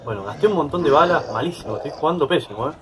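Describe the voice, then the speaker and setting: Racing along in a slightly high, animated voice, a man with a Rioplatense Spanish accent offers casual let's-play commentary as a gaming YouTuber. He chats freely, startles easily, and yelps and laughs at scares, with background noise audible.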